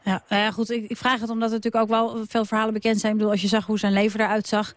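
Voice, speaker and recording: Brisk fast-talking woman radio host. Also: medium pitch, level tone, dry recording. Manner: brisk, steering the talk. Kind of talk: radio interview.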